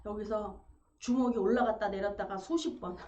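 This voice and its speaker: A woman preaching a sermon, animated, acting out quoted quarrels with sharp rises in her voice. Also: medium pitch, a little slow. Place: church sanctuary. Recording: echoey church room, dull sound, faint noise.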